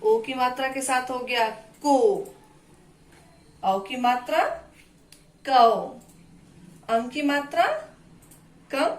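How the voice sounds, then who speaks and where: A woman teaching a Hindi lesson to children, with a clear teacher's delivery that spells out and repeats syllables. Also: sits high, fairly even intonation, takes it slowly, pauses often, reverberant.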